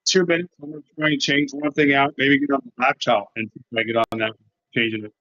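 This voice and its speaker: A man co-hosting a casual sports podcast over a phone call, his voice muffled as if through a wall, halting and trailing off mid-sentence. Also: mid-range voice, steady tone, sharp tone, no echo. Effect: muffled remote connection, as if through a wall. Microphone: phone on a remote call. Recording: dull, muffled remote call.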